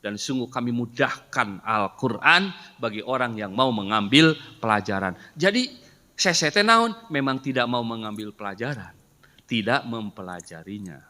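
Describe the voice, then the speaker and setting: Middle-aged male Quran teacher, animated, bright tone, echoey mosque hall. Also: mid-range voice, normal speed. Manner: explains patiently, asks rhetorical questions. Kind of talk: Quran study lesson. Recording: reverberant hall sound.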